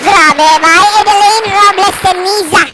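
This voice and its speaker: A woman co-hosting an online variety show, giving playful, giggly shout-outs and raffle announcements. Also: very high-pitched, a little slow. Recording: loud background music.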